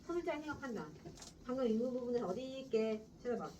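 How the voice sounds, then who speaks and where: A woman lectures on literature to a class, chatty and quick to quiz her students. Her voice sits high and moves a lot. The sound is picked up from a distance in the classroom, with a faint hiss behind it. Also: muffled recording. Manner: lively, chatty, quizzes students. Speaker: Korean literature teacher.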